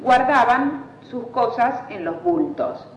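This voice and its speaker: A woman's voice: high-pitched, lively intonation, slow. A woman, patiently asking set prompts in an elicitation interview. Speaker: linguistic fieldworker. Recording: echoey, dull old field recording with faint hiss.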